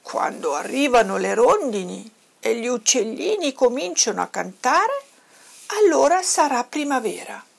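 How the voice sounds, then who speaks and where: A patient mother bear from a storybook, drowsy and grumbling, as a woman voices her. Her voice sounds slightly husky. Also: on the high side, big pitch swings, a little slow, exaggerated voice. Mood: sleepy.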